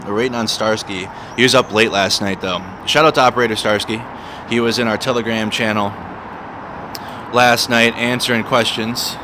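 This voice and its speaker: A man's voice: lowish voice, steady tone, normal speed. A man hosting a casual live stream, chatting and repeating words and phrases for emphasis. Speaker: livestream host. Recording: noisy outdoor city street with traffic.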